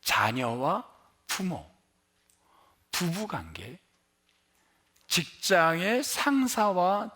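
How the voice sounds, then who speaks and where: Male pastor, middle-aged, lively sermon delivery, high voice that rises and falls widely, quizzes his congregation. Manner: animated, questioning the congregation and answering himself.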